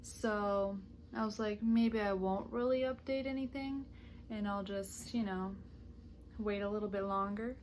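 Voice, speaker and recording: A woman's voice: mid-range voice, measured pace, darkish tone. A young adult woman giving a casual, rambling, conversational update to camera as a vlogger. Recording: clearly noisy home camera recording.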